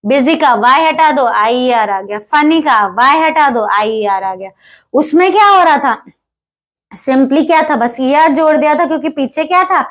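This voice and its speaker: A woman teaching a grammar lesson, explaining step by step, checking often whether students follow, and reading English example sentences slowly. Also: high-pitched, expressive.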